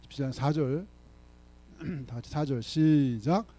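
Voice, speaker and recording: A male pastor with a dark, medium-pitched voice preaches a little slowly in a church sanctuary. Emphatic throughout, he reads scripture forcefully and keeps challenging the congregation with questions, including frequent rhetorical "응?" and "예?".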